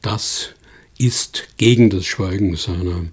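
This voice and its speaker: Male interviewee, very low and husky, talking through his points with conversational pauses. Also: darkish tone. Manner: thoughtful, explanatory, with fillers. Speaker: expert guest. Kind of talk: conversational explanation.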